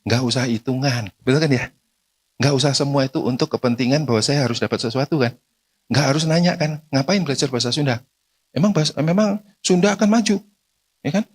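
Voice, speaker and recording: A man's voice: mid-range voice, fast talker. A man giving a casual seminar talk to parents, conversational, forever tossing tag questions at the audience. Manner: acts out short everyday dialogues.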